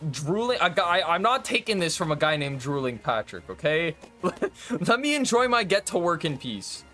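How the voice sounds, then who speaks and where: A man's voice: fairly high pitch, pushed and bright. A man chatting casually and rambling to his viewers while streaming a game, swearing and laughing often. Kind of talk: casual gaming stream chat.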